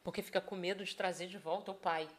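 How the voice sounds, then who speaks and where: A woman speaking as a sales expert in a casual podcast chat, animated and playing out quoted people as she talks. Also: lowish voice, fast. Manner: animated, acts out quoted speech in other voices. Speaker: neurosales specialist, podcast guest.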